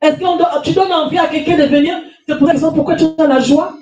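In a muffled recording, a high, slightly mellow female voice talks fast. It belongs to a middle-aged French pastor with a cold who preaches emphatically with a handheld mic, repeating phrases and calling for amens. She's in an echoey small church hall with a stage and lectern, recorded by a far camera.

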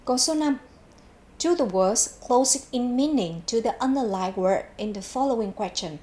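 Her voice is a little high, warm, and lively in intonation as she teaches English vocabulary on television. Speaking from a TV studio in a clear, measured classroom manner, she says each word twice before its meaning.

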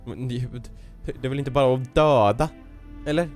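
A man's voice: medium pitch, faint music behind. A young man chatting casually and joking while playing a co-op game. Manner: joking, teasing, excitable. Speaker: gaming YouTuber. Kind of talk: casual co-op gameplay chat.

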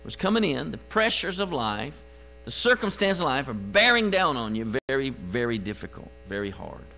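A man preaches in church, his voice bright and his pitch swinging widely. He drops to quiet low asides, then rises to loud, drawn-out exclamations. A faint mains hum sits under the live recording. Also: big pitch swings, creaky, rough recording. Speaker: pastor. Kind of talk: sermon.

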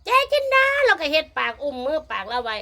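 Brief: middle-aged Phu Thai Isan woman, high bright voice, loud and teasing, laughs through her chat. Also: very animated, fast talker. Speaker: vlogger challenging a lottery rival. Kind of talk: casual chat to viewers.

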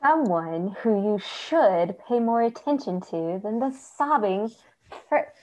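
A woman's voice: mid-range voice, animated, slow, a little mellow, rough recording. A woman player in casual tabletop role-play on a video call.

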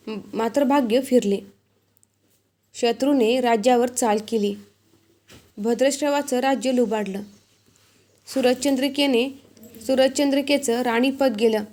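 A woman narrates a devotional folk tale in a measured, deliberate way. Her voice sits slightly high but sounds dark and mellow, and her pace is very slow. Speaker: storyteller.

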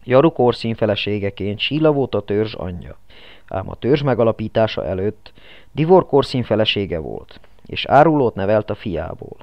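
A man narrating an audiobook in steady, scripted storytelling. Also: fairly low pitch, no echo. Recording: dull lo-fi, dry.

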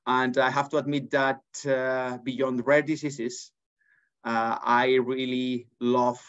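A man's voice: medium pitch, little pitch movement, takes it slowly, a bit bright, clear, resonant tone. Spanish-accented man on a dull video call. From Spain. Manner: earnest, many restarts and fillers. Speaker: interview guest. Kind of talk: conversational interview. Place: office with large windows. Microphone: laptop webcam on a video call.

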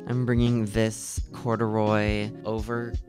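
A man in his twenties talking casually to camera in a vlog at his parents' home, self-deprecating and calling his own voice monotone. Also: on the low side, a little slow, over music. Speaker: vlogger.

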